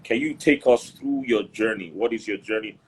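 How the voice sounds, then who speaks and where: A low-voiced man hosts a live online interview over a video call. He greets viewers with repeated, stretched-out phrases and an upbeat manner. A faint background hiss sits under his voice. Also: normal speed, poor audio. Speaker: host.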